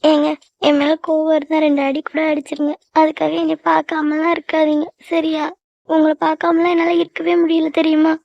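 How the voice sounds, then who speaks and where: A woman's voice: high-pitched, monotone, brisk, gravelly, a little mellow, no echo. A woman voicing a young college girl in love in a cartoon, pleading and teary with her sweetheart. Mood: pleading tearful. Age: young adult. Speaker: voice actor. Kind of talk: cartoon love-story dialogue. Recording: dull lo-fi dry recording.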